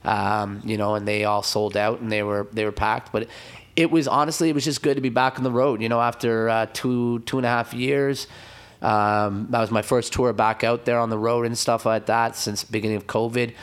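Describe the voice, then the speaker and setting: A man with a hoarse, raspy throat, chatting casually as a DJ guest and giving hyped, slangy shout-outs. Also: mid-range voice, little pitch movement, normal speed. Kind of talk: casual podcast chat.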